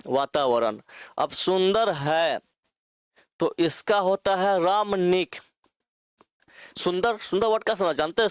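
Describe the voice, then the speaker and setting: Male tutor, somewhat high voice, dry close mic, slow repetition while writing on the board. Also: no echo. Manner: repeats words slowly while writing them out. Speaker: teacher. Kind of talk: online exam-prep lesson.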